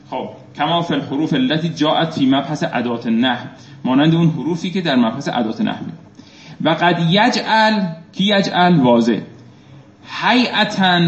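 A male teacher reading phrases from a classical text aloud and explaining them, often putting questions to his students. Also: mid-range voice. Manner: reads Arabic phrases then explains, asks students questions. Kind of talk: seminary lecture on Arabic text. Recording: echoey dull room recording.

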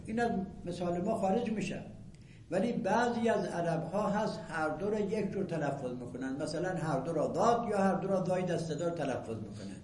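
A man giving a classroom lecture on Arabic rhetoric, reciting verses slowly and then explaining them plainly. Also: on the high side, a little mellow. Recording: echoey room with faint ambient noise.

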